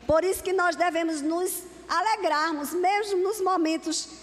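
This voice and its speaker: A woman's voice: very high voice, fairly even intonation, unhurried. A woman preacher delivering a sermon to a congregation in an earnest, repeating cadence. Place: church hall. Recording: long hall reverb.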